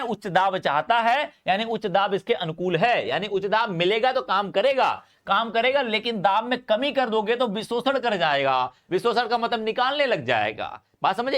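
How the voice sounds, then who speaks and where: A man with a Hindi accent teaching a live online chemistry class, talking fast, repeating each point and calling students brother. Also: high-pitched, a bit bright.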